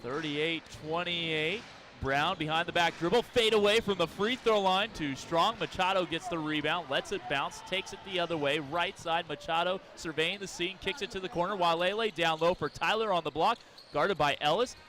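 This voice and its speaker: A high-voiced man does live radio play-by-play for basketball from courtside in an arena, using clipped descriptive phrases and getting excited quickly. The noisy gym behind him is full of bouncing balls and game sounds.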